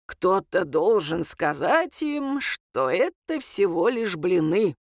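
A grumbling old grandfather in an audiobook, as a woman reader puts him on, muttering his remarks slowly in a lowered voice. He sounds dry and unimpressed. The sound is close and dry. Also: big pitch swings, creaky, no echo, exaggerated voice. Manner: low muttering, slow and sardonic. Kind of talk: audiobook character voice.

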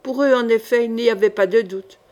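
A woman narrating a swashbuckling novel with expressive storytelling. Her voice sits a little high. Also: a little fast, lo-fi sound. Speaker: audiobook reader. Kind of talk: scripted narration.

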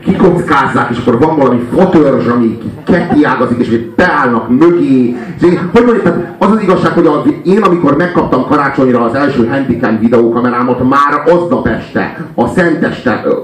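A man's voice: medium pitch, few pauses, roomy sound, poor audio. A man mocking a music video in casual chat, sarcastic and often laughing. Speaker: commentator reviewing music videos.

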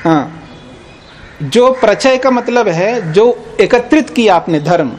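Male teacher, classroom lecture, slow unhurried delivery, recites sutras then explains, checks the class understands. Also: high-pitched, a little hiss or hum. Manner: recites Sanskrit slowly, then explains in Hindi. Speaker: teacher of Nyaya philosophy. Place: teaching hall of an ashram.

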